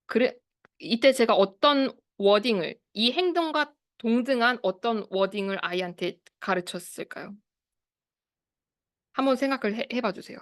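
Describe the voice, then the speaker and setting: A woman's voice: fairly high pitch, normal speed, no echo. Woman lecturing on a video call, dry sound. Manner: explanatory, asks the audience questions, acts out quoted phrases. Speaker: speech therapist leading a study group. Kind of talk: online lecture to parents and teachers.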